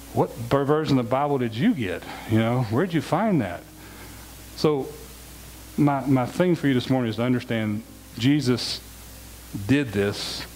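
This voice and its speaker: A man's voice: medium pitch, poor audio. Male pastor, middle voice, casual but pointed sermon delivery with a faint noise floor. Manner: conversational, emphatic preaching with repeated words. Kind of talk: sermon and closing prayer. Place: church sanctuary.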